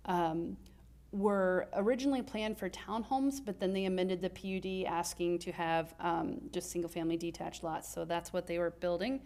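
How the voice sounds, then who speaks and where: Woman, staff presenter at a council meeting, lowish voice, methodical and plain. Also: a little mellow. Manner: explains step by step, with frequent ums and uhs. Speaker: city planning staff presenter.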